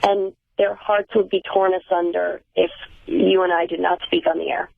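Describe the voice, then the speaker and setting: Woman phone guest, wry and articulate, a bit gravelly, heard over a tinny line. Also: on the low side, little pitch movement, normal speed, no room sound. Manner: articulate, wry, self-deprecating. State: groggy morning voice. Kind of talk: casual phone chat. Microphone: telephone.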